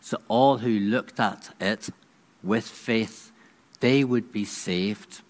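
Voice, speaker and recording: A man's voice: fairly low pitch, slow. A man preaching a conversational sermon, with frequent restarts and acted-out voices. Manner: conversational, hesitant with restarts, dramatizing.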